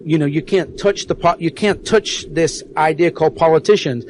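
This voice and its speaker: With slight background noise behind him, an English man from South Yorkshire talks earnestly on an internet radio interview, repeating words as he gropes for them. His voice is on the high side and a little mellow at normal speed, and his accent is an ambiguous English one colored by American.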